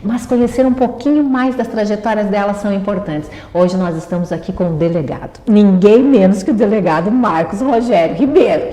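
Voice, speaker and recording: A woman's voice: mid-range voice, a little fast, hardly any pauses, mellow. A woman hosting a community talk show, enthusiastic and emphatic, echoing her guest's words. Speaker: host. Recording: echoey room with long reverb.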